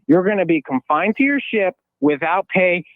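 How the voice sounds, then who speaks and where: A man's voice: high-pitched, animated, normal speed, no room sound. A male caller on the phone to a radio show, talking in a rambling, heated way that jumps from thought to thought. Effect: over the phone. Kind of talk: call-in radio rant. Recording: tinny dry phone line.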